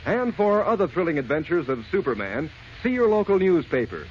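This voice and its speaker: A man's voice: a little high, sing-song, brisk. A man announcing an old radio serial, narrating dramatically and addressing young listeners. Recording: muffled old radio recording with noise.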